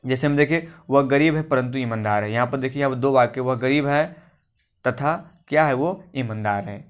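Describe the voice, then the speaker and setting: A man's voice: medium pitch, moderate pace. A male teacher giving a grammar lesson for exam preparation. He explains step by step, often asks a question and then answers it himself. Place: coaching class recording.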